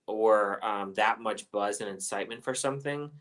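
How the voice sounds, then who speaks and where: A man's voice: fairly low pitch, normal speed, fairly bright tone, rough recording. A man hosting a casual movie chat, talking in a loose, rambling way with plenty of fillers. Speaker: host of a movie review chat.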